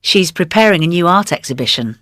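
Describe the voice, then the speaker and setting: A woman voicing a helpful quiz answerer in a scripted coursebook dialogue, giving clear, matter-of-fact answers. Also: fairly low pitch, expressive, a little fast, a bit bright, dry recording, studio quality.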